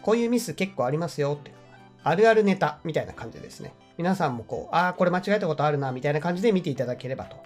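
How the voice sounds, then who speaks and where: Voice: mid-range voice, animated, rapid-fire, hardly any pauses, soft background music. An English teacher with a Japanese accent, explaining grammar points in a friendly, encouraging way.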